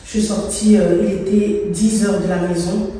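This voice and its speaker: A Cameroonian vlogger whose first language is English chats casually while working, musing aloud and slipping in English words in a mellow, mid-range voice with little pitch movement and normal speed. She's far from the mic in an empty, freshly plastered room with long, heavy reverberation and faint noise.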